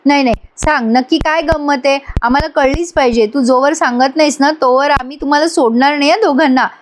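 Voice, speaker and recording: A woman voices an eager young woman, high and playful, pleading to be let in on a secret. She sounds bright-spirited in a retold family drama. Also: a little fast, a little hiss or hum, lightly acted.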